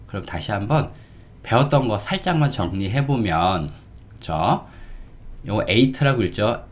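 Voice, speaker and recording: A man teaching a casual spoken lesson as an English teacher, slow and drawn out, often checking in with the listener. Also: lowish voice.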